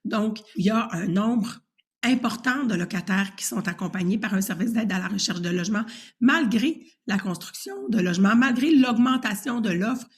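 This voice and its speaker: A woman's voice: mid-range voice, normal speed. A woman housing advocate speaking in an assured, articulate interview manner.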